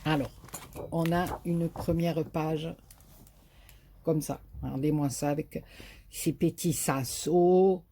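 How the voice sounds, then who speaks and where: A craft vlogger with a southern French Marseille accent talks through a haul video in a deep, steady, warm voice, slow and with long pauses. Slight background noise is present. Her casual chat is hesitant and filler-laden, though she's enthusiastic about the paper designs.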